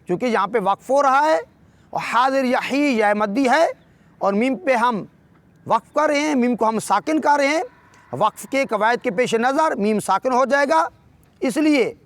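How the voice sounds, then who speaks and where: A man with a Pakistani Urdu accent teaching correct Quran pronunciation, explaining rules and then reciting words slowly and drawn out, his voice dropping low at the end of his sentences. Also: dry recording. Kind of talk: tajweed lesson with slow demonstrations.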